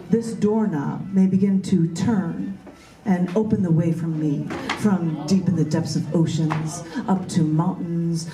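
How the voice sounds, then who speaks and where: With a warm voice on the low side, a woman poet reads and casually chats at an open mic. The setting is indoors at a large bookstore, and the echoey room is captured by a distant microphone.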